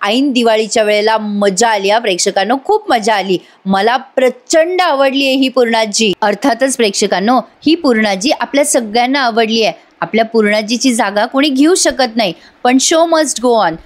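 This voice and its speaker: A woman's voice: a little high, normal speed, few pauses. A woman giving a chatty voice-over recap of a TV serial, speaking straight to her audience. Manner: chatty, addresses the audience directly. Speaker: TV serial reviewer.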